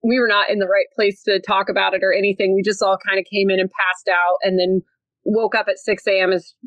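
A woman tells a story in a casual, chatty way, laughing often and filling gaps with "like". Her voice sits in a middle pitch. The sound is dry and close. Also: flat delivery, fast talker, fairly bright tone, dry recording, low-quality recording. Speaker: podcast guest.

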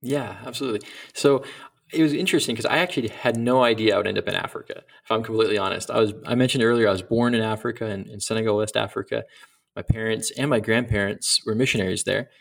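Low gravelly-voiced man, earnest. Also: quick pace. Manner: earnest, reflective, with many restarts. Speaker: missionary guest. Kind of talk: casual interview talk.

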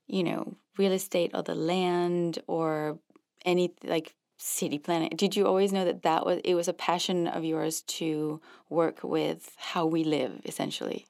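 A woman hosting a real estate podcast, gushing and excitable, quick to laugh. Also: on the low side, creaky, clean tone. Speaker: podcast host. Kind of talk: casual podcast interview.

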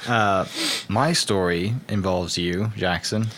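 Low-voiced man with faint background noise. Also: slow pace, fairly bright tone. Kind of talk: casual chat.

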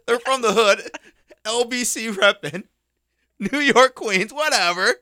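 A man's voice: very high-pitched, unhurried, pushed and bright, dry recording, clean studio sound. A man co-hosting a podcast in casual chat, playful and teasing. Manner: playful, teasing, jumps into goofy impressions. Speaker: podcast co-host.

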